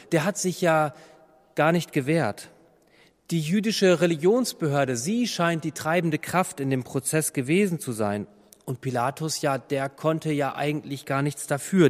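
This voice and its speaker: A man's voice: fairly high pitch, long reverb tail. A man reading a Bible passage aloud and then commenting on it as a preacher.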